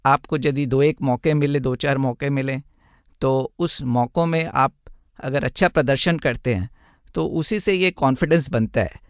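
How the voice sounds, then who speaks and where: A man, a blind tax consultant, answering radio interview questions in a measured, explanatory way with many examples. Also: medium pitch, smooth, no room sound, clean studio sound.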